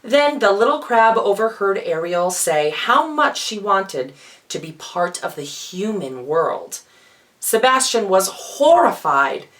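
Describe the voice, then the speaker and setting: Performing a children's story with theatrical flair and playful asides, this drag storyteller sounds feminine. The delivery is slow and very animated, in a mid-range voice with a slightly bright quality.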